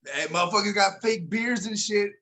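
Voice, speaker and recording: A man's voice: sits high, normal speed, crowd noise. A man co-hosting a podcast in casual, profane, joking banter. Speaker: podcast co-host. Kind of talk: casual chat.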